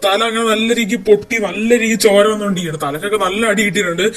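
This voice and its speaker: A man voicing a young man who urgently reports an accident, rambling and hurried. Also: high voice, a bit bright, poor audio. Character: young man bringing urgent bad news. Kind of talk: amateur story voice acting.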